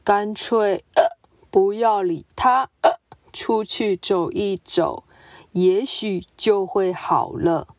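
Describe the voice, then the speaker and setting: A woman voicing a serious, proud male zebra who speaks slowly, his words broken by hiccups. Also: medium pitch, no echo, studio quality, lightly acted. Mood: stiff, hiccupping. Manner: slow, broken by hiccup sounds.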